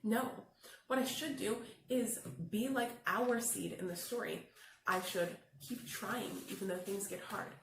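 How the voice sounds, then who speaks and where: A woman teacher with a gravelly, medium-pitched voice explains things simply and step by step to young viewers during a children's lesson. She hosts read-alouds for kids, recorded in an echoey room with faint background noise.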